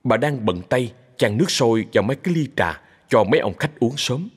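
A man narrating a dramatic folk story in a steady, expressive storytelling manner. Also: medium pitch, a little fast, slightly rough, long reverb tail.

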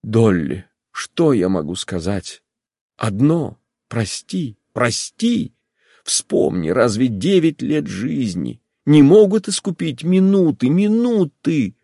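A man voicing a guilty, tearful husband who pleads in a quiet, timid, trembling voice. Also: medium pitch, big pitch swings, takes it slowly, gravelly, slightly rough, no room sound, studio quality, voice pushed up, full character voice. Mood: pleading contrite.

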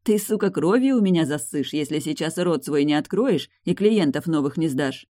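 A woman's voice: low-pitched, expressive, moderate pace, dark tone, no room sound, studio quality. A woman reading the part of a tough, menacing woman investigator in an audiobook, cold and clipped.

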